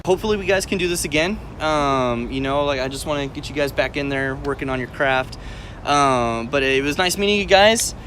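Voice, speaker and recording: A man's voice: fairly high pitch, fairly quick, a bit bright, a little hiss or hum. A man in his early twenties hosting a podcast, loose and chatty with lots of fillers. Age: 20s. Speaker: podcast host. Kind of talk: casual interview chat.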